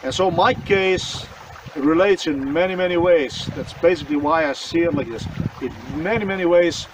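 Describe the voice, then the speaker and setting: A man's voice: on the high side, moderate pace, noisy background. A man from Slovenia, telling his own story in an earnest, insistent way that often circles back and repeats itself. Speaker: vlogger. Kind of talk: personal monologue to camera. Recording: voice distant from the mic.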